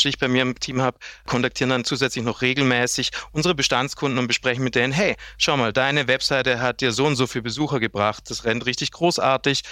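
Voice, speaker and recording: A man's voice: medium pitch, dry recording, studio quality. A man in his thirties from Germany, a sales director chatting as an interview guest and explaining his work at length, acting out what clients say. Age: 30s. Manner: lively, explains at length with acted-out client quotes. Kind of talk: casual interview chat.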